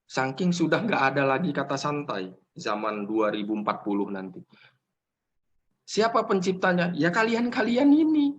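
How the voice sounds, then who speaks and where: A man's voice: fairly high pitch, very animated, normal speed, muffled recording. A middle-aged man with an Indonesian accent, a university lecturer giving a casual, joking classroom lecture and teasing students by name.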